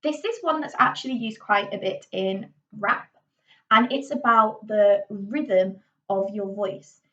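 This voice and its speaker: Taking it slowly, a woman with a medium-pitched, slightly bright voice and a Yorkshire accent leads a casual drama lesson; she's a teacher from Yorkshire, England. Her talk is chatty, with frequent ums and little restarts, captured on a distant mic that sounds muffled.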